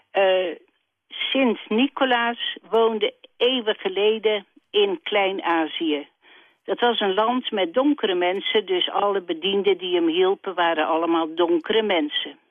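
A woman from the Netherlands calling in to a radio show over the phone, telling a story in a plain, steady way. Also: medium pitch, dry recording. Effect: heard over a telephone line. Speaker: radio call-in caller. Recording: dry, tinny phone line.

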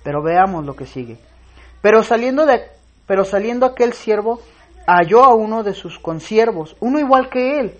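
A man preaching a sermon in an earnest voice, reading scripture aloud with pauses and swelling to loud, emphatic stress. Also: sits high, animated. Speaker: pastor.

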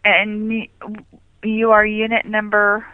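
A woman's voice: mid-range voice, completely flat delivery, takes it slowly, no echo. Woman on a tinny landline phone line. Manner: polite, hesitant, with frequent ums. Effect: heard over a landline phone. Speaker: property office receptionist. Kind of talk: businesslike phone call.

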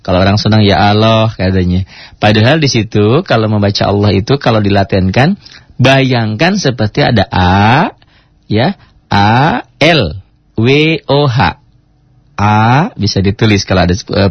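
Husky low-voiced man teaching Quran recitation. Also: animated, no room sound, dull audio. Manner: stops to spell out letters and chant Arabic words slowly as examples. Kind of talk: informal recitation lesson.

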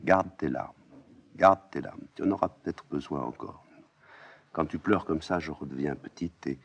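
A man doing a hushed, grave young princess. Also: very deep voice, moderate pace, vocal fry, husky, exaggerated voice. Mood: tender. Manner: soft, hushed, subdued. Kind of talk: audiobook reading of a play.

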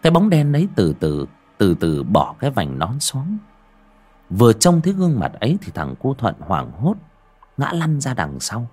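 A man narrating a spooky folk tale in a dramatic way that turns hushed at tense moments. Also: medium pitch, wildly swooping pitch, moderate pace, slightly rough. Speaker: storyteller.

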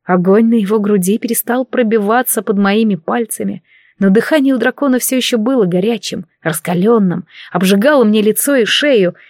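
A woman's voice: mid-range voice, fairly quick, a little mellow, no room sound. Woman narrating a fantasy audiobook, dry.

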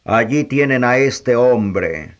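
A man reading the lines of a wary Roman governor, measured and questioning. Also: medium pitch, animated, highs cut off.

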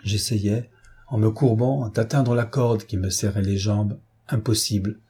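A man voicing a fierce, wrathful sea captain recounting his ordeal in a measured, intense first-person telling. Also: lowish voice, steady tone, warm tone, slightly rough, full character voice. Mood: grim.

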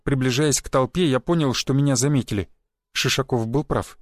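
A man narrating a first-person adventure audiobook in a wry, even storytelling manner. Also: mid-range voice, fairly quick, no echo, studio quality.

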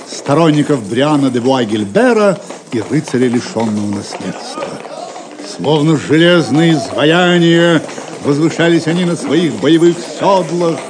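With music behind him and a noisy background, a man with a slightly high voice narrates an audio play. He takes on a theatrical, dramatic storyteller role and speaks in a declamatory style.

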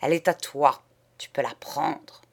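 A woman's voice: sits low, a little slow. A woman reading an anguished grieving painter. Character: anguished male painter, sorrowful and tense.

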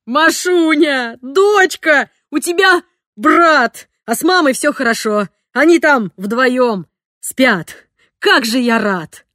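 A woman voicing an excitable middle-aged man who has just become a father again, shouting with joy. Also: sits high, takes it slowly, dry recording, studio quality, heavily acted. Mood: elated shouting.

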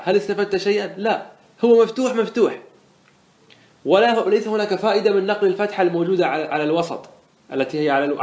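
A man's voice: high-pitched, echoey room. A man teaching Arabic morphology as a sheikh, patiently explaining step by step and answering his own questions. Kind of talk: classroom lesson.

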